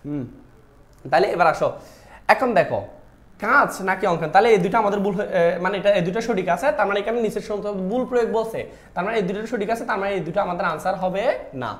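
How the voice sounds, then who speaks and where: A man's voice: high voice, rapid-fire, a bit bright. A man teaching a live online class, talking straight to the students and answering his own questions. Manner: talks to students directly, repeats "dekho" often; asks questions and answers them himself. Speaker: online Bangla admission-test teacher. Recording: echoey room.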